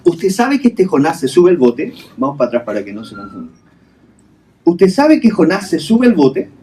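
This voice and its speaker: A man's voice: fairly high pitch, huge pitch swings, moderate pace, warm tone, distant mic. A male pastor preaching a sermon in a hotel hall, asking the congregation rhetorical questions and mixing English terms into his talk.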